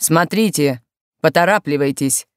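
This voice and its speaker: A woman voicing a gruff, angry male policeman who barks orders at a crowd. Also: low-pitched, unhurried, no echo, studio quality. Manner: barking, shouting orders.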